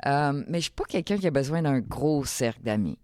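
A middle-aged entrepreneur from Quebec, Canada, speaks with a Quebec French accent as a podcast guest, chatting casually and thinking aloud in fragmented phrases. Her voice is a rumbling low with a darkish tone and lively intonation, a bit fast. The recording is dry and studio quality.

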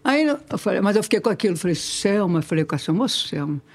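Mulher idosa, sotaque mineiro, conversa casual, conta casos rindo. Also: female voice, medium pitch, fast, breathy edge. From Ubá, Minas Gerais, Brazil. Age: 80s. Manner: lively, laughing, acts out quoted voices. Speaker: interviewed singer, twin sister. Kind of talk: casual storytelling.

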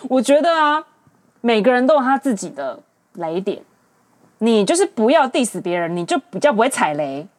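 A woman in her late twenties with a Taiwanese Mandarin accent, hosting a casual dating-advice monologue in an animated, exasperated, ranting manner. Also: fairly high pitch, moderate pace. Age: late 20s. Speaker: podcast host.

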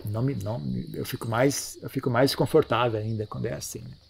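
A man giving a relaxed, conversational Buddhist dharma talk, often ending phrases with tag questions. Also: medium pitch, fast, vocal fry, a little hiss or hum. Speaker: Buddhist teacher. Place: monastery.

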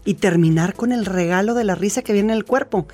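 A woman's voice: mid-range voice, a little fast, darkish tone, soft background music. Chatty Mexican woman telling her story. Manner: chatty and storytelling, with frequent restarts. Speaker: laughter therapy expert guest. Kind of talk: conversational interview.

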